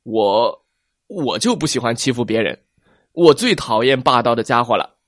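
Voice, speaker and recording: A man's voice: medium pitch, animated, moderate pace, no echo, clean studio sound, lightly acted. A man voicing a big, lonely male T. rex who stammers and hesitates as he talks. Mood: nervous. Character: big lonely male T. rex, gruff but shy, fibs nervously.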